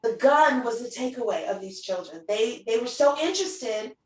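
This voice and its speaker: Soft music plays behind a middle-aged preschool teacher acting as interview host, who chats casually and acts out what people told her while she tells stories. Her voice is a little high, with lively intonation at normal speed, and the mic is distant in a roomy space.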